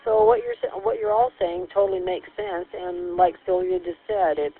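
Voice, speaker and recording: A woman runs a weekly radio check-in over a walkie-talkie, reading call signs and confirming signals with "copy that." Her fairly low voice carries a gravelly edge and moves lively in pitch. Everything comes through a tinny two-way radio with a faint hiss. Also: moderate pace. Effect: heard over a walkie-talkie radio. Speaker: net control for a ladies' radio check. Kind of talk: radio net check-in chat.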